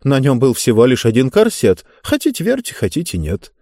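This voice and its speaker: A chatty talking book with a knowing, confiding way of speaking, as a man reads her lines. The voice is raised above his own and swings widely in pitch. It is warm and mellow, and recorded close and dry. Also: a little fast, no room sound. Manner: lively, confiding storyteller tone. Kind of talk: audiobook character voice.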